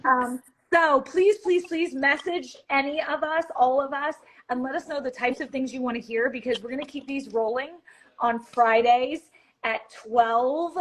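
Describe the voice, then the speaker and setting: A woman hosting a casual live-stream chat, bubbly and chatty and quick to laugh. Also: sits high, a bit bright. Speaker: host of a live wellness chat.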